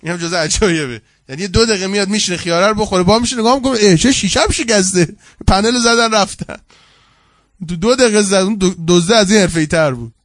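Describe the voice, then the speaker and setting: A man, a seminary cleric, giving a colloquial sermon full of anecdotes, swinging from loud, lively telling to hushed, earnest asides. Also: high-pitched, dry recording, studio quality.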